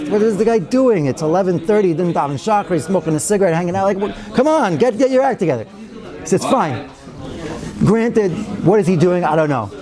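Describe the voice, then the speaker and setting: A man with a fairly high, expressive voice leads an informal Torah class in a synagogue study hall, speaking a little fast. He's chatty and digressive, often restarting his thoughts, adding wry asides and Hebrew and Yiddish terms. The murmur of the gathered listeners is clearly audible behind him.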